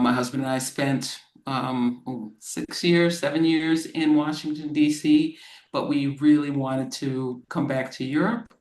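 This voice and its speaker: An American woman from Florida, a lawyer speaking as a guest and explaining things slowly and plainly for English learners over a video call. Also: rumbling low, roomy sound, low-quality recording. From Florida, United States. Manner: measured, explains terms plainly.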